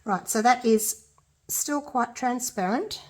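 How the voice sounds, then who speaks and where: A middle-aged Australian woman, a resin art tutor, chats her way through a casual craft tutorial, thinking aloud and poking fun at herself as she works. Her voice is on the high side and slow, sounding congested from a blocked nose, and the audio is poor.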